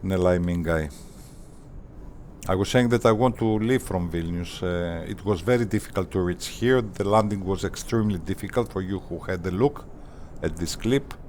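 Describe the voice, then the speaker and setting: A man hosting a flight simulator channel, talking casually in deliberate, formal phrases with hesitant pauses. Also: sits low, darkish tone, a little hiss or hum. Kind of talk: casual tutorial commentary.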